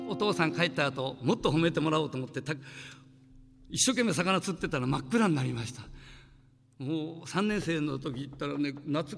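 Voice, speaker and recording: A man in his sixties, a singer, telling a childhood story to children with lively acted-out voices. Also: fairly high pitch, vocal fry, big-room sound. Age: 60s.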